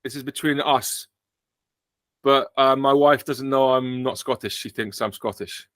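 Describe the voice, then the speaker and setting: A man's voice: medium pitch, unhurried, fairly bright tone, no echo. A man with an English accent hosting a casual podcast chat, joking dryly and poking fun at himself. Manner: dry, joking, self-mocking. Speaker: podcast host.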